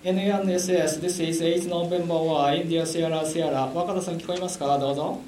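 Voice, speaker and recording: A man working as a ground station control operator, heard over a radio link. He reads out call signs slowly and repeats his hails. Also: fairly high pitch, steady tone, darkish tone. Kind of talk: amateur radio call procedure. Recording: noisy, echoey radio audio with clicks.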